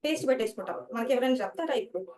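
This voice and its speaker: A woman's voice: on the high side, expressive, racing, a little mellow, recorded from a distance. Woman teacher giving study tips. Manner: explanatory, mixes English words into Telugu. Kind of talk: study-skills talk to students.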